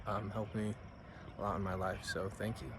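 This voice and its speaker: A man's voice: lowish voice, level tone, normal speed, noisy background. A young man recording a grateful birthday message outdoors in the mountains, talking casually. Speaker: grandson.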